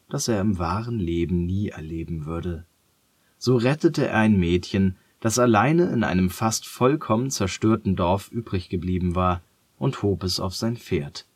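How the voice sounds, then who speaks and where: A man reading a children's story aloud in a calm, gentle and measured way. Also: on the low side, husky, dry recording.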